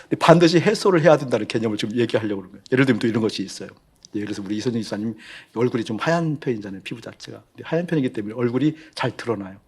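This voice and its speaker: A male pastor delivers a sermon at a brisk clip, his voice slightly husky. He talks to the congregation like a friend, repeating key phrases and asking questions. His pitch sits in an ordinary middle range. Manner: conversational preaching, repeats phrases for emphasis; asks the congregation rhetorical questions.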